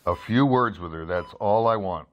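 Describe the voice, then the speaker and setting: In first-person narration and dialogue from an old-time radio drama, a male actor voices a dogged investigative newspaper reporter with dry wit, clipped and matter-of-fact with a sardonic bite and a dry, probing mood. His voice is lowish at a moderate pace, close to everyday speech. The audio has its highs cut off and a little hiss or hum.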